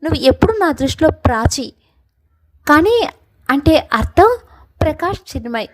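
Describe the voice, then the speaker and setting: In a spoken love story, a woman voices a heartbroken young man who pleads tearfully and reproachfully with the woman he loves. Her voice sits high and is very animated at a moderate pace, though the audio quality is poor.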